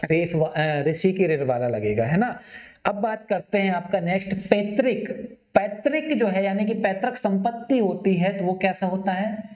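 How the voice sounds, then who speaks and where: A man teaching a Hindi spelling class, asking his students questions and repeating words slowly. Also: high voice, a little mellow. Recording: dull, echoey classroom recording.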